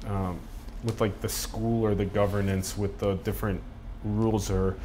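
Young male interviewer, lower voice, casual and relaxed, faint hiss behind. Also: normal speed. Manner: relaxed, loose follow-up questions. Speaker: podcast host, interviewer. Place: living room, on a sofa.

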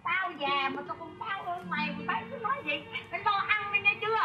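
A woman's voice: extremely high pitch, fast. A woman playing a fussy, doting countryside mother and wife with a Southern Vietnamese accent, nagging and sentimental, exclaiming all the time. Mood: fussing. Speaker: comic actor. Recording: distant, muffled, noisy rural recording.

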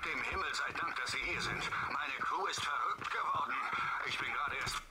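A captain over a sci-fi communicator. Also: male voice, mid-range voice, moderate pace, very noisy. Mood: urgent. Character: stressed male starship captain sending a message. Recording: game audio with loud music behind.

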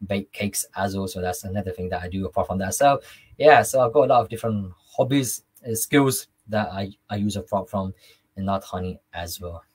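Husky, low-voiced young man. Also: fairly quick, a little mellow. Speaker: interview guest, devotional singer. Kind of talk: interview conversation. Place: small room indoors on a video call.

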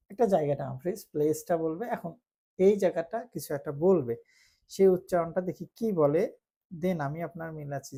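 A woman teaching English pronunciation in a casual lesson, repeating letter sounds slowly to demonstrate. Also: lowish voice, mellow. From Bangladesh.

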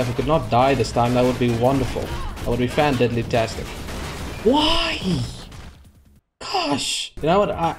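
A young man giving let's-play commentary, frustrated and sarcastic, talking back at the characters on screen. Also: medium pitch. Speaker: gaming channel host. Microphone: desk microphone.

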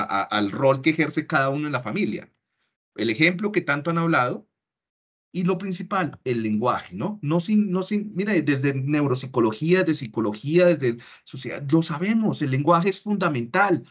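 Male parenting workshop speaker on a video call, conversational, husky, lo-fi sound. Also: on the high side, fairly bright tone. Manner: conversational, keeps checking in with "¿sí?". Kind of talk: online parenting workshop talk. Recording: dull lo-fi call audio.

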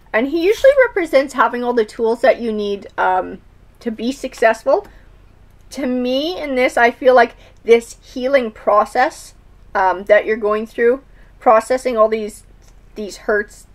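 A woman doing a tarot reading, speaking thoughtfully with frequent fillers and restarts. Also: fairly high pitch. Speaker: tarot reader.

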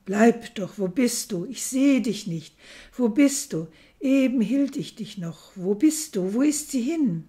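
Woman reading a lovesick emperor, pleading, slow warm voice. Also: fairly high pitch, animated. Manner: pleading, rising to anxious calls. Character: lovelorn emperor calling for his lost dream lover.

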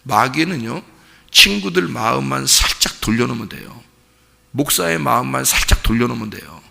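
A middle-aged male pastor giving a dawn service sermon in a church sanctuary, animated and vivid, often putting direct questions to the congregation. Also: medium pitch, normal speed, gravelly. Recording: long church reverb.

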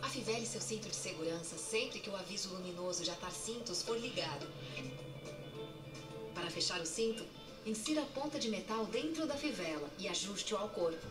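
A woman with a Brazilian Portuguese accent reads an in-flight safety announcement over the aircraft cabin PA in a formal, measured way. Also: medium pitch, lively intonation. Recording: echoey PA, distant, music behind.

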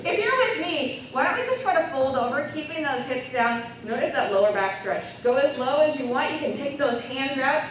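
A woman leading a live yoga class at a convention, calmly cueing each step of the poses over a microphone. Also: high-pitched, moderate pace, hardly any pauses, slight background noise. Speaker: yoga instructor. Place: large convention hall. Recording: echoey hall, distant mic.

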